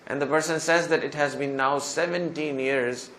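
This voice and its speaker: A male preacher with a somewhat high voice tells a sermon story in the first person, voicing another man's words. His delivery climbs to loud, emphatic pleas at the turning points. A faint hiss of background noise sits behind him. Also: steady tone, moderate pace. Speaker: Islamic preacher.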